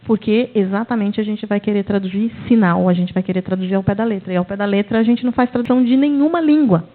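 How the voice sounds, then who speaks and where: A woman's voice: medium pitch, quick pace. Tinny-sounding Brazilian woman lecturing. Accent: Brazilian Portuguese. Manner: expressive storyteller, acts out quoted dialogue. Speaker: university lecturer. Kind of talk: academic talk with classroom anecdotes. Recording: tinny phone-like audio.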